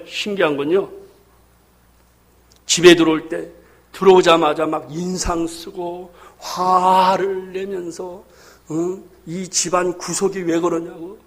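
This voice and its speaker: A man with a notably high voice delivers a sermon to his congregation. He preaches with energy and humor, slipping into acted-out domestic scenes and rising to fervent declarations. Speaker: pastor.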